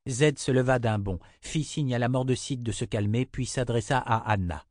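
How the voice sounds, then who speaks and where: A man narrating a fantasy audiobook in a measured, even storytelling manner. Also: medium pitch, no room sound, studio quality.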